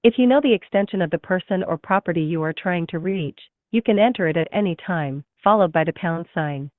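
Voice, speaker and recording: A woman's voice: lowish voice, no room sound. Woman's recorded phone menu voice, tinny. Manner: slow, measured, polite announcing. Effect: recorded automated phone menu. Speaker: automated phone system voice. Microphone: heard through a phone call. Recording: tinny dry phone line.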